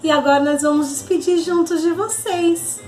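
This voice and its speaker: A woman teaching a children's Bible lesson, speaking in an animated, affectionate way and addressing the children directly. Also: extremely high pitch, moderate pace, reverberant, soft background music. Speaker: children's Sunday school teacher.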